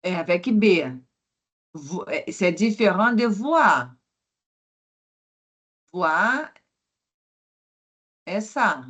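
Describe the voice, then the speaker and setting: Woman French teacher, very slow pace, repeats each word for practice. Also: medium pitch, very animated, a bit bright, breathy edge. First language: Portuguese. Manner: repeats words slowly for pronunciation drills; switches between French and Portuguese explanations. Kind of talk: online language lesson.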